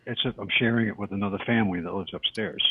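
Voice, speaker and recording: A man's voice: lowish voice, racing, gravelly, very noisy. A man calling in over an internet call on a headset, chatting casually and correcting himself as he rambles. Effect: heard over a tinny internet call. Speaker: call-in guest. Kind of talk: casual chat. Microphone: headset on a video-call app. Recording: tinny phone-like call audio.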